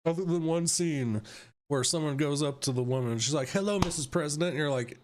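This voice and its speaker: A man's voice: medium pitch, fairly even intonation, fairly quick, a little mellow, slight background noise. A young man hosting a live stream, casually ranting about a film with lots of swearing, laughter and mocking asides. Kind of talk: casual chat.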